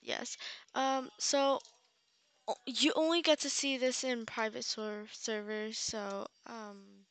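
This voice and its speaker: A young woman narrating her gameplay in a slow, relaxed way, pitched a little high. She sounds tired from just waking up but stays chatty and giggly. Her close mic gives a dry, close sound. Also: smooth, no room sound. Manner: chatty, giggly, easily excited. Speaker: gaming channel host. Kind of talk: casual gameplay commentary.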